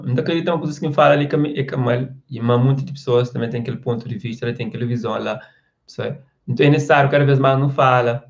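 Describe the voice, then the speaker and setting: A man hosts a live stream and chats with viewers in a rambling way, restarting his sentences and checking that they follow him. His voice sits at an ordinary middle pitch. The stream audio is a little dull. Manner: rambling, with restarts and frequent "você entende?". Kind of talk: casual live chat reading viewer comments.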